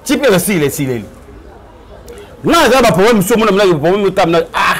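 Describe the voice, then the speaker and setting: A man, talking in an animated, preachy way on a casual web TV show. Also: high-pitched, fairly quick. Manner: animated, preachy, mixing Lingala and French. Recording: crowd noise behind.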